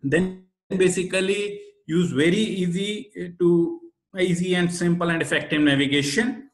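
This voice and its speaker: A man with an Indian accent presents a webinar in a fairly high voice. He explains things didactically and leans on his key points. The sound is noticeably roomy and echoey. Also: unhurried. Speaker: webinar presenter, SEO expert.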